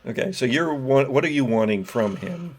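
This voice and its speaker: A man running a tabletop horror game as game master, narrating scenes calmly with some hesitation. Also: mid-range voice, normal speed, breathy edge.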